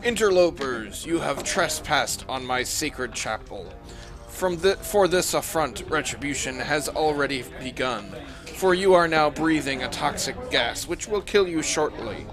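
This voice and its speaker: A man's voice: a little high, expressive, a little slow. Tabletop game guardian spirit, performed by a man: unearthly, grave, wrathful, formal, with music underneath. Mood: stern, menacing. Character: wrathful, solemn disembodied guardian spirit of a chapel.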